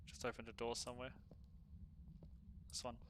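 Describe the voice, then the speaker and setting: A man doing casual solo gameplay commentary, chatty and slangy as he thinks out loud. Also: mid-range voice, completely flat delivery, normal speed, a little hiss or hum. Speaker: gaming streamer.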